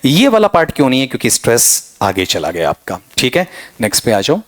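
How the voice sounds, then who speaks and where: A lively male English teacher runs an exam-prep pronunciation lesson at a fast clip. He quizzes his students and keeps checking in with "ok?", his pitch swinging high and low.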